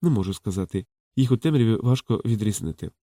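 A man reading a calm, knowing courtesan in a soft, low and hushed voice. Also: fast talker, no room sound, clean studio sound. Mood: teasing. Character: frank, teasing courtesan woman, calm and knowing.

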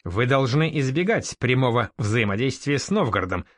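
A man voicing a sugary, wary male merchant councillor in an audiobook, smooth but suspicious. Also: medium pitch, very animated, normal speed, close to an everyday voice. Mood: probing.

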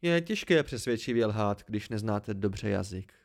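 A blunt, practical woman mercenary, read by a man with a creaky voice. She asks doubtful questions in an audiobook reading. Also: lowish voice, expressive, voice pushed down. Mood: questioning.

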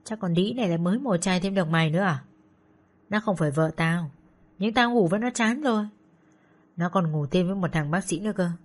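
A woman's voice: on the low side, brisk, close to an everyday voice. A woman putting on a crude, abusive older thug. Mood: abusive, sneering. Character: coarse, short fat older male thug. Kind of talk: audiobook story reading.

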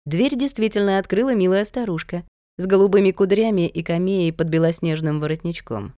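An audiobook narrator, a woman with a voice on the low side, reads a novel in a steady, even storytelling style. The scripted narration has clean studio sound with no room echo.

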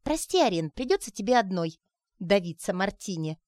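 A woman reading aloud and voicing an excitable young woman who talks loudly in eager exclamations. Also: medium pitch, a little slow, dry recording, studio quality. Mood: apologetic. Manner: loud, exclaiming.

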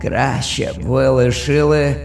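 A man voicing a monstrous old winged vampire grandfather in a slow, menacing whisper. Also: medium pitch, flat delivery, gravelly, distant mic, faint music behind, pitched below the performer's own voice.

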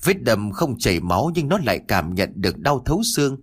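A man narrating an audio horror story in an expressive, dramatic reading. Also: medium pitch, a little fast, slightly rough.

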